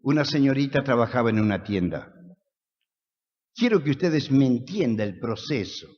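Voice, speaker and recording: A man with an Argentine accent preaches with passion, his voice rising and falling through rhetorical questions. His speech has a lively, animated pitch. The recording is dull and lo-fi, with a long echo from a church hall. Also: normal speed. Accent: Argentine Spanish. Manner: impassioned, rhetorical questions, sudden swings between soft and loud. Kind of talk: sermon. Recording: echoey hall, dull lo-fi sound.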